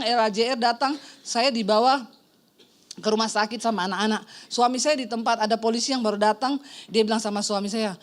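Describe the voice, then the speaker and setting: Woman, pastor, middle-aged, high-pitched, church sermon, humorous storytelling. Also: slight background noise. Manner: storytelling with humor, quoting others in lively voices. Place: church service with congregation.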